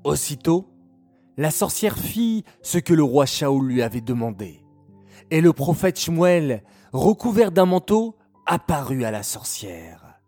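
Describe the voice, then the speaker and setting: A man narrating a children's story in a slow, deliberate manner, speaking directly to the young listeners. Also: medium pitch, big pitch swings, darkish tone, soft background music.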